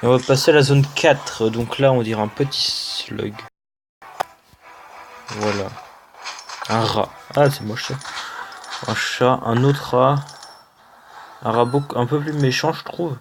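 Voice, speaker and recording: With music running under the voice and some background noise, a man with a French accent casually comments on the mobile game in front of him. He hosts a gaming channel and speaks in a steady, mid-range voice. The delivery is slow, hesitant and full of "euh."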